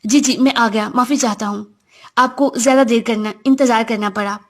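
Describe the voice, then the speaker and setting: A woman's voice: on the high side, steady tone, lightly acted. A woman voicing a devout, reserved young man who speaks formally and politely, read in her own voice. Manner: formal and courteous.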